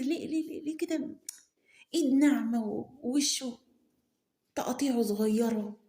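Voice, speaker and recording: A woman's voice: high-pitched, warm tone, roomy sound, pitched above the performer's own voice, lightly acted. A woman voicing a stern young Egyptian businessman. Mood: uneasy, puzzled. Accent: Egyptian Arabic. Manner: self-scolding muttering, sudden mutters under breath. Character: stern young male businessman, proud, bossy.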